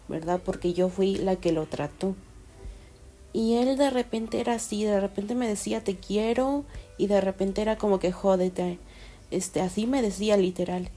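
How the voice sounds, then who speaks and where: Casting note: a woman, mellow, warm voice, confiding vlog storytelling, faint music underneath. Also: mid-range voice. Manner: confiding, rambling with many fillers and restarts. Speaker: vlogger. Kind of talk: casual personal storytelling.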